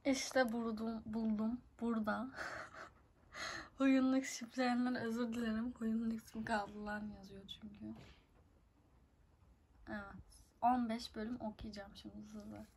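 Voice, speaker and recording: A young woman reads a fan-written story aloud into her phone in an unhurried, slightly high voice. Her throat is scratchy and tickly, and she keeps stumbling, laughing and making fun of the text as she goes. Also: flat delivery, a little mellow, husky. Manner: amused, mocking asides, frequent laughs and stumbles. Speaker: reader of a fan fiction book. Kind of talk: casual reading aloud, commenting and laughing.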